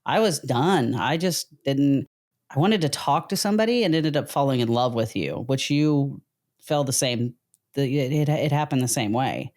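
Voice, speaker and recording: A woman's voice: very deep voice, lively intonation, normal speed, darkish tone. A middle-aged woman co-hosting a casual talk show with her husband, telling stories in a rambling, candid way. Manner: rambling, candid, country-flavored storytelling. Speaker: podcast co-host.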